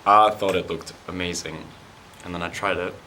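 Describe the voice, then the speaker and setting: A man's voice: sits low, steady tone, normal speed, sharp tone. A French Cambodian man chatting casually as a diner, laid-back and slangy. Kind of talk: casual chat over a meal. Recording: noisy dining table.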